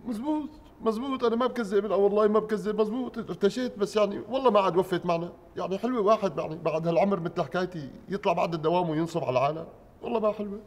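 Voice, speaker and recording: Brief: crafty middle-aged Syrian swindler, high, quick. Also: male voice. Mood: cajoling. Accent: Syrian Arabic. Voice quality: crafty, cajoling. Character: scheming middle-aged male swindler clerk. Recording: reverberant studio set.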